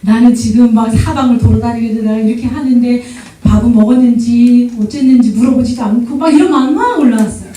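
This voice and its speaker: Woman, high voice, guest lecturer at church, lively storytelling, echoey hall, distant mic. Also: fairly quick, hardly any pauses. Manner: lively storytelling, often laughing and acting out quotes. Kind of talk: church seminar talk.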